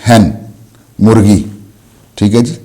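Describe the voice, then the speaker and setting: A man teaching a language lesson, explaining slowly and asking questions he answers himself. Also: on the low side, dark tone. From Pakistan. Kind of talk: classroom lesson.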